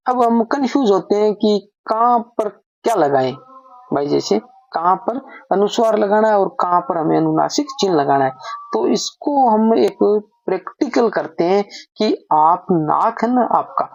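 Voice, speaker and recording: A man's voice: sits high, animated, a little slow, gravelly. A man teaching a grammar lesson, patiently asking questions and answering them himself. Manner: patient, asks then answers own questions. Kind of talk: explaining lesson while writing. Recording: dull lo-fi recording.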